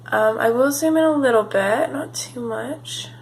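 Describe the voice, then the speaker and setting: In an echoey room with slight background noise, a woman hosts a casual, chatty coloring tutorial, rambling in a relaxed way with lots of ums as she works. Her voice is a little high and a little slow, and she's a bit sniffly from a cold.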